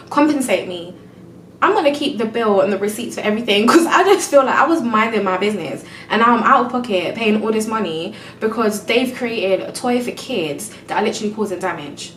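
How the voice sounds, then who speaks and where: A woman's voice: a little high, expressive, fairly quick, a bit bright, roomy sound, far from the mic, a little hiss or hum, poor audio. A young woman venting in a casual storytime vlog, exasperated and close to tears, full of "like" and "do you know what I mean". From England. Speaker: vlogger.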